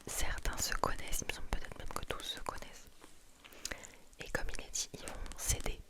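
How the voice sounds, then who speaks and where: A woman whispers throughout in a breathy, unvoiced library hush. She speaks softly and very close to the microphone, in the style of an ASMR reviewer recommending books. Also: normal speed.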